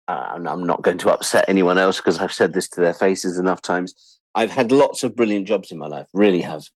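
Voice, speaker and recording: Recorded dry and at low quality, this deep, slightly mellow male voice belongs to a sixty-something British writer-producer. As an interview guest, he spins animated anecdotes with self-deprecating chatter, performing snippets of dialogue.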